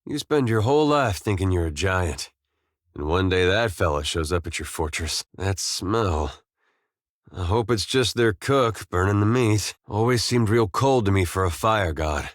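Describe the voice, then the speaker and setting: In scripted video game dialogue, a man with a low voice plays an easygoing, loyal farm-boy soldier with an American accent. He talks in a folksy, plainspoken, laid-back drawl with dry humor, and the recording is dry.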